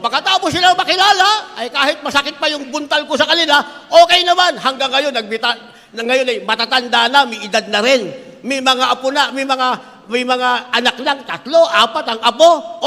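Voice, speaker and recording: High, bright-voiced older male preacher. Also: long reverb tail. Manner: emphatic preaching, addresses congregation as beloved, often acts out voices. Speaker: pastor. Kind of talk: sermon.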